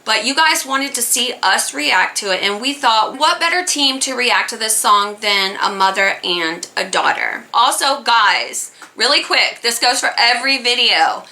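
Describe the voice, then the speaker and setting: Creaky, bright-voiced woman chatting. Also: a little high, animated, unhurried, few pauses. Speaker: reaction video host. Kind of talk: casual chat to viewers.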